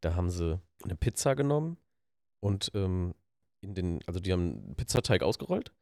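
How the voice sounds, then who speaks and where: Low-voiced man with a lively, bouncing delivery. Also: gravelly, dry recording, clean studio sound. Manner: lively, rushes through stories. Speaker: podcast co-host. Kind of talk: casual chat.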